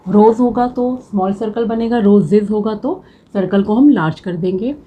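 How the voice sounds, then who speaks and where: In a shorthand class, a woman with a medium-pitched, dark voice slowly and patiently repeats every word so students can drill it. The audio is poor.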